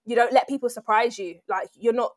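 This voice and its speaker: A young woman chatting casually as a co-host, telling animated stories at speed. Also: fairly high pitch, dry recording. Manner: fast, animated storyteller. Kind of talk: casual chat.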